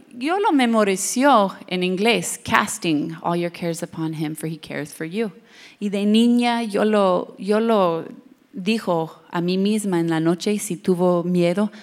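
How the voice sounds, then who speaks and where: Young woman preacher, unhurried and expressive, mixes in English asides and laughs, mid-pitched. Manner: switches between Spanish and English, laughs at own jokes; expressive, shouts and drops to hushed tones for emphasis. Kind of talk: bilingual sermon.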